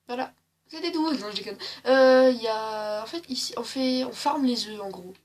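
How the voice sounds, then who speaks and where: A woman's voice: on the high side, normal speed. A woman with a slightly sore throat giving chatty, joking gameplay commentary, full of hesitations. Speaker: gaming channel host.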